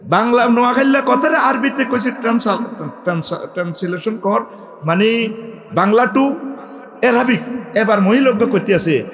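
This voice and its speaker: A man's voice: extremely high pitch, lively intonation, moderate pace, a bit bright, in a large hall. Joking preacher man, call-and-response. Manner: joking, calls out to crowd, sings phrases. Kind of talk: humorous sermon.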